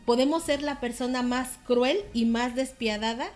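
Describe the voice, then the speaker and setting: A woman with a higher voice talks animatedly. She slips into other people's voices to act out her examples. She sounds like a therapist chatting on a talk show. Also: fairly even intonation, moderate pace, darkish tone, faint music behind. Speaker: therapist, co-host or guest. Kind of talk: casual conversation on a talk show.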